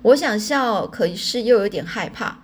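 A woman's voice: medium pitch, lively intonation, moderate pace, breathy edge. Woman storyteller, informal read-aloud, explains as she goes. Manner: chatty, explains words and repeats herself. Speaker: audiobook reader. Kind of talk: storytelling narration.

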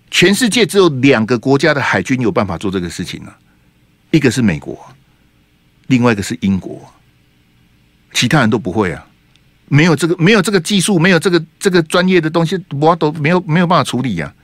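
A man's voice: mid-range voice, no room sound. A middle-aged man, hosting a radio talk show with rhetorical political commentary and many 哈 and 啊 tags. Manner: animated and rhetorical, tags sentences with 哈 and 啊. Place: radio studio.

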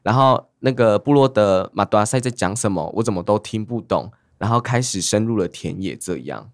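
A man's voice: lowish voice, lively intonation, brisk, dry recording, studio quality. A man co-hosting a panel, chatting casually and thinking aloud with frequent fillers.

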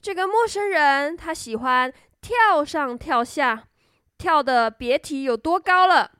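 A woman storyteller reading a children's story in a gentle, expressive way. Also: high-pitched, slow pace, dry recording, clean studio sound.

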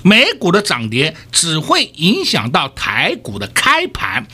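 A man's voice: on the high side, huge pitch swings, unhurried, pushed and bright, husky. A man hosting a radio stock market show, talking emphatically and firing rhetorical questions at listeners. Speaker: stock market analyst host.

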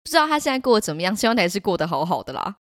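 A young woman tells a story on her podcast. Her voice is animated, and her pitch swings widely. She is recorded close and dry on a podcast mic. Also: rapid-fire, dry recording. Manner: animated, laughing often. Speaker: podcast host. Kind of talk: casual storytelling.

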